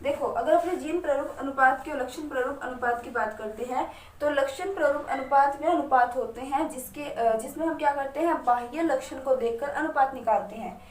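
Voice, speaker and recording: A woman's voice: high voice, a little fast. A woman science teacher talking directly to her students at a writing board, asking herself questions and answering them step by step. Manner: talks straight to students. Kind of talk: whiteboard lesson. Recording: echoey room, mic at a distance.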